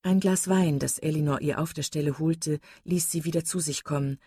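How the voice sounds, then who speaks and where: A woman narrating an audiobook in a measured, steady reading voice, close to the mic. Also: low-pitched, husky, no echo. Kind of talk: scripted narration.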